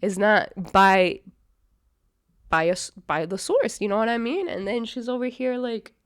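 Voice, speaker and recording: A woman's voice: medium pitch, normal speed, smooth. A woman hosting a reaction video, blunt and mocking in casual commentary. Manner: blunt and mocking, laughs often. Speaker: reaction channel host.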